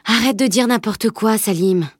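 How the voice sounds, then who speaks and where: A woman's voice: mid-range voice, moderate pace, slightly rough, dry recording, clean studio sound, lightly acted. A woman reading an earnest, thoughtful teenage girl in an audiobook.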